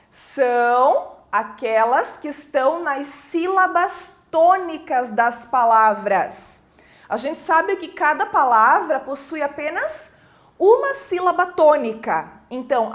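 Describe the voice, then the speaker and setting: A Brazilian woman gives a recorded lesson in a high, animated voice. She takes her time and points to examples on the board as she goes. Her distance from the microphone shifts now and then. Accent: Brazilian Portuguese. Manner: explains slowly, asks "certo?" after each point and points at examples on the board. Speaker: teacher.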